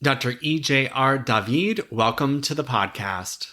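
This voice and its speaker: A man's voice: mid-range voice, lively intonation, measured pace, pushed and bright. A man hosting a podcast who reads guest introductions carefully and asks plain follow-up questions. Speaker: podcast host. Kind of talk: podcast interview.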